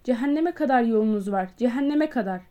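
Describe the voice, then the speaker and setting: A woman voicing an overwrought older male doctor in an audiobook, shouting and agitated. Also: mid-range voice, fast, natural voice. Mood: furious. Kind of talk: audiobook character voice.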